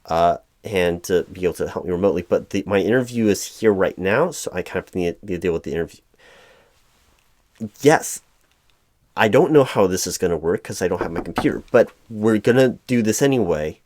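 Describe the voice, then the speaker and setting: Speaking fairly quickly in a low, expressive, slightly mellow voice, a man acts out one side of an improvised audio roleplay. His character is a flustered, apologetic corporate hiring manager who stammers and repeats himself, exasperated, frustrated and hesitant. The recording is dry.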